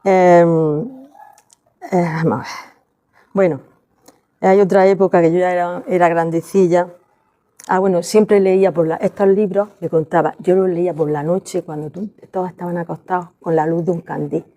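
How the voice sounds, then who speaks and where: An older woman telling family memories to an audience, halting, with many restarts and fillers. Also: on the low side, steady tone, warm tone. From Spain. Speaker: storyteller at a library event. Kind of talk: personal storytelling to an audience.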